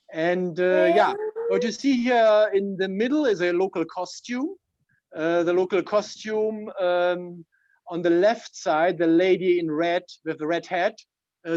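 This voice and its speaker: A German-accented man with a slightly high, darkish voice introduces himself to his club using slides, explaining informally one phrase at a time. The recording is dry and close but a bit dull, much like a video call.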